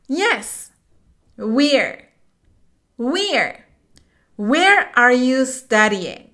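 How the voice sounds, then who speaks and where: A woman teaching a slow, patient bilingual English lesson, switching between explanations and English examples, encouraging her students. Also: high voice, fairly bright tone. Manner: patient, encouraging, spells out each step.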